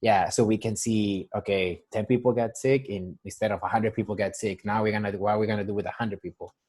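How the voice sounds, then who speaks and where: A man's voice: fairly low pitch, steady tone, fast talker, a little mellow. A young man from Mexico with a Mexican Spanish accent, working as a nurse and talking casually on a phone call in a rambling way, full of restarts. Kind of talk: casual interview over a call. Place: San Diego.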